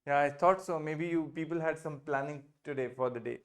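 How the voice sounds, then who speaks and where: A French teacher with an Indian English accent leading an online class over a video call, mixing English, Hindi and French and repeating phrases patiently. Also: mid-range voice. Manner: patient, drills phrases by repeating them slowly.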